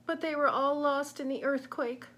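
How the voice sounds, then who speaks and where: A woman's voice: sits high, steady tone, normal speed, fairly bright tone, voice pushed up. A woman putting on a grand, dramatic lady panda. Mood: tearful. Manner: theatrical, exclaiming, prone to wailing.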